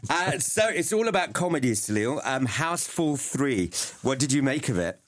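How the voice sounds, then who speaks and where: Steady-voiced male news co-host. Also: mid-range voice, normal speed. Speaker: radio show co-host. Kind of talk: reading entertainment news.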